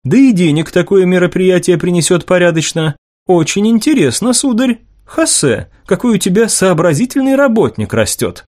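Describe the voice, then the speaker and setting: A man's voice: high-pitched, sing-song, darkish tone, pitched above the performer's own voice. A man voicing a haughty noble woman general. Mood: pleased. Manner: condescending, teasing, brisk.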